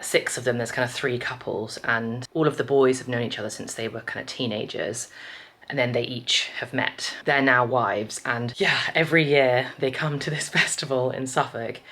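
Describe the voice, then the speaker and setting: A woman's voice: rumbling low, steady tone, moderate pace, sharp tone, slight background noise. A woman of about thirty chatting casually to camera in a vlog, rambling and friendly with light laughs. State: a bit out of breath. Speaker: vlogger. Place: a house indoors.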